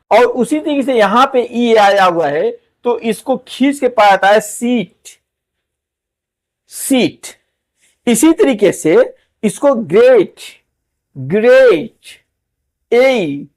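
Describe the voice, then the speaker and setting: A man teaching English pronunciation, repeating each word several times. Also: high voice. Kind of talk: pronunciation lesson.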